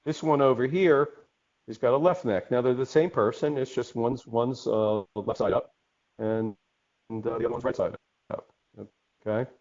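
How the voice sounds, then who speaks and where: A man's voice: mid-range voice, normal speed, darkish tone. A man teaching an online webinar in a conversational way, often checking in with "okay?". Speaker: instructor. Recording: dull lo-fi webinar audio.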